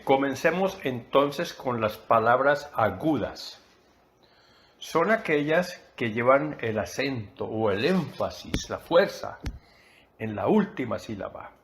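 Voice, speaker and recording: A man's voice: medium pitch, fairly bright tone. A man teaching a Spanish lesson, explaining patiently and repeating key terms for emphasis.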